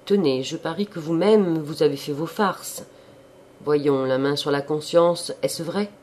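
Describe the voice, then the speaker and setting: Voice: medium pitch, steady tone, moderate pace, darkish tone, a little hiss or hum, lightly acted. Brief: reader doing a moralizing, slyly cajoling old country priest, classic-novel audiobook. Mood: sly sermonizing. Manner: sermonizing, wry and cajoling.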